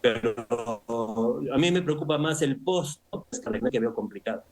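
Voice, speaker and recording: A man speaking as an analyst guest in a news interview, measured and analytical, often tagging his points with rhetorical questions. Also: medium pitch, sing-song. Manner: measured, analytical, with frequent "o sea" and "¿no?".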